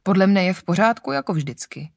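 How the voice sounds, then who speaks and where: A woman reading as a gentle older baron. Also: medium pitch, very animated, vocal fry, no echo, studio quality. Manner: quiet, gentle, murmuring. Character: tender older baron, gently pleading father.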